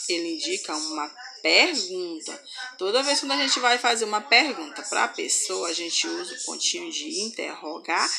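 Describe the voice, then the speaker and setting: A woman teacher giving a slow grammar lesson to children, reading example sentences aloud with expressive intonation. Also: lowish voice, creaky, crowd noise. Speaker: schoolteacher.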